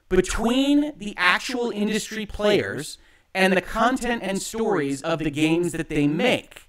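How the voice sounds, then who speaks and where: A man hosting an online show, giving emphatic, argumentative opinion commentary in deliberate phrases, with echo on his livestream audio. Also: high voice, a bit bright.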